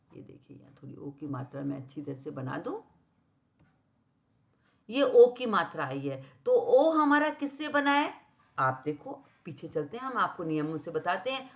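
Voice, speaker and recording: A school teacher gives children a grammar lesson at the blackboard, spelling out each word slowly as she writes and repeating herself. She keeps asking "clear?" and "right?" to make sure they follow, in a medium-pitched, fairly bright woman's voice.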